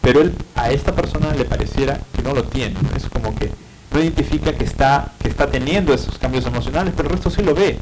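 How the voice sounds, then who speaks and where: A man's voice: medium pitch, fast talker, heavy background noise. Lecturing man with rhetorical tag questions. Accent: Peruvian Spanish. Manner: explanatory, frequent tag questions and fillers. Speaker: psychiatry lecturer. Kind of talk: university lecture.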